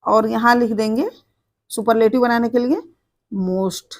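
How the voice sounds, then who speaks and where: Slow, gravelly woman teaching grammar. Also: on the high side, fairly even intonation. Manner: slow, spells words letter by letter and repeats them. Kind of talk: board lesson, explaining step by step.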